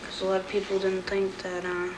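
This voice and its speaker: A nineteen-year-old woman reciting her own poem and reading records aloud in a plain, earnest way, with some halting restarts, heard from a worn VHS tape copy. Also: mid-range voice, completely flat delivery. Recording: hissy worn videotape copy.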